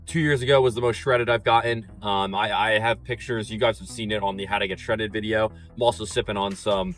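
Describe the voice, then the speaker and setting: A man's voice: lowish voice, fairly even intonation, a little fast, a bit bright, soft background music. A young man in college talking casually to the camera as a fitness vlogger, laid-back and rambling with lots of ums and likes. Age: young adult. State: slightly out of breath on a treadmill. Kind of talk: casual vlog chat.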